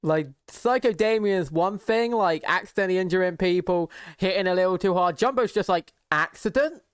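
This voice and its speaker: A man giving casual, joking commentary while playing a wrestling video game, excitable and quick with asides. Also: high voice, clean tone, no echo. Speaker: gaming YouTuber. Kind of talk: casual let's-play commentary.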